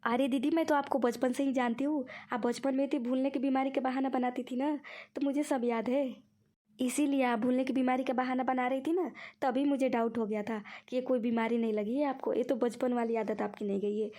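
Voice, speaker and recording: A woman's voice: high voice, steady tone, brisk, warm tone, lightly acted. A woman voicing a scheming younger friend who coaxes and tricks in a cartoon. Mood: explaining. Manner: coaxing, sweetly persuasive. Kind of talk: cartoon voice acting.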